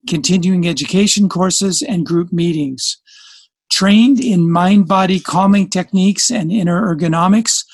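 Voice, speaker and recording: A man with a high-pitched voice opens his podcast by reading a polished introduction, then chats eagerly in an interview. He records in a studio on a studio mic, so the sound is dry.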